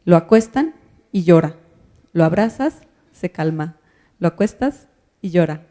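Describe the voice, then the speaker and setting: A woman's voice: fairly low pitch, lively intonation, a little slow, mellow. A woman giving a lecture to parents, explaining things step by step and putting questions to her listeners. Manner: explanatory, asks the audience questions. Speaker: speaker on child language development.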